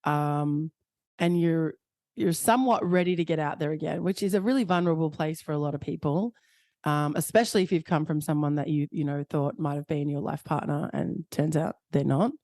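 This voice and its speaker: A woman hosts a podcast interview, earnest and conversational, pausing on small fillers. Her voice sits fairly low for a woman. The recording is dry and close, with little room sound. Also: mellow, no room sound. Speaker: podcast host.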